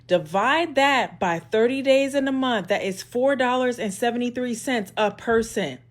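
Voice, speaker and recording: A woman with a slightly high voice delivers an angry rant. She swears freely and lectures with heavy sarcasm. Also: moderate pace. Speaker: social media poster.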